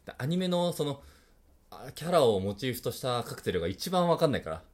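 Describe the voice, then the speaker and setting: A man's voice: mid-range voice, very animated, fast talker, a little mellow. A man co-hosting a casual chat podcast, telling stories in a rambling way with many fillers. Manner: rambling storyteller, trailing off with fillers. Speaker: podcast co-host.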